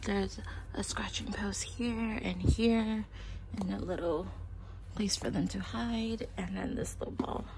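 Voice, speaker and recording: A woman's voice: medium pitch, fairly even intonation, a little slow, noisy background. A woman vlogger chatting casually at home while showing off her purchases to the camera. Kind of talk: casual vlog chat. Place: home, indoors.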